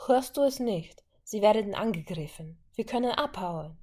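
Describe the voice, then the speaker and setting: A woman's voice: a little high, animated, moderate pace, a little mellow, a little hiss or hum, voice pushed up, close to an everyday voice. A woman voicing an earnest young woman who pleads urgently in an audiobook story. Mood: urging.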